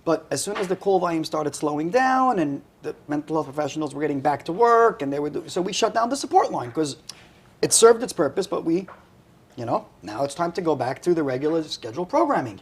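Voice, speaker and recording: A man's voice: fairly high pitch, lively intonation, brisk, husky. A man who runs a charity, talking earnestly on a casual talk show, with lots of "you know"s. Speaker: charity CEO, guest. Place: restaurant.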